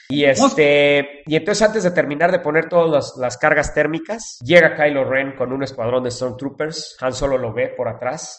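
A man's voice: medium pitch, fairly bright tone. A man with a Mexican Spanish accent, casually and animatedly retelling a film scene as a podcast host, full of slang and restarts.

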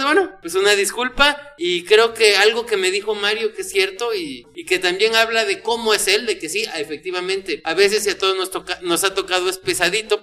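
A man's voice: high-pitched, bright, forceful tone. A man with a Mexican accent co-hosting a podcast, talking candidly and self-deprecatingly in a rambling way. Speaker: podcast co-host. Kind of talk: casual podcast talk.

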